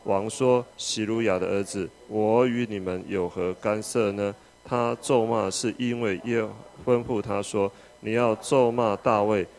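A man reading a scripture passage aloud at a steady, measured pace. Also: fairly low pitch, a little hiss or hum. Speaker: scripture reader.

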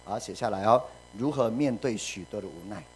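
A man preaching a sermon, lively, laughing and mimicking voices, then dropping to a quiet hush. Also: fairly low pitch, brisk, a little hiss or hum. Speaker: pastor.

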